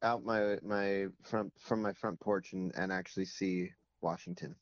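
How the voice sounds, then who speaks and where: Male guest on a dry, lo-fi phone line, low voice, casual and rambling. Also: fairly even intonation, a little slow, no echo. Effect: heard over a phone line. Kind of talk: casual live podcast chat.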